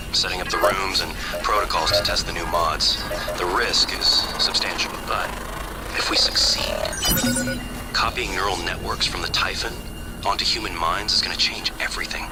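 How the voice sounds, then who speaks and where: A weary male scientist from a video game, voiced by a man, speaking in a very low, calm and measured voice. He sounds tired. Loud game music plays under him. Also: lightly acted. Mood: grave.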